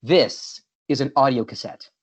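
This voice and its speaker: A middle-aged Californian man gives a friendly, casual guest presentation over a video call. His medium-pitched voice is a little slow with a breathy edge, and he often restarts sentences and repeats words.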